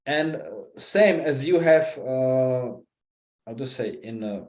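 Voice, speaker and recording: A man from the Republic, giving an informal scripture talk in a halting, conversational way, often checking in with "right?". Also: mid-range voice, animated, darkish tone. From Czech Republic. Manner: conversational, halting, with frequent 'right?' and 'you know?'. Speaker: visiting speaker giving a scripture class. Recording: roomy echo.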